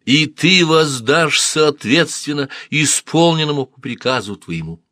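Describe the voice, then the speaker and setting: A man's voice: medium pitch, moderate pace, fairly bright tone, dry recording, clean studio sound, pitched above the performer's own voice, natural voice. A male narrator voicing a defiant ancient queen-pharaoh, declaiming her words to her god with pride. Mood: proud proclaiming. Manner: declamatory, proclaiming.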